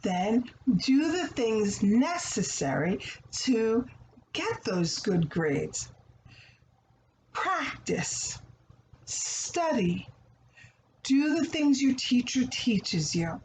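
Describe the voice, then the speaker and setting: With a slightly mellow voice on the higher side, a teacher reading a storybook speaks very slowly and lets her pitch rise and fall dramatically. She teaches the children's story conversationally, quizzing her listeners and answering herself. Faint noise and echo fill the room.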